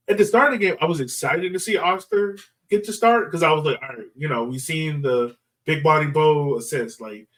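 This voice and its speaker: This soccer podcast host has a fairly high, slightly bright voice, captured on a distant mic. He chats through his analysis casually, his talk full of filler phrases such as "like" and "you know."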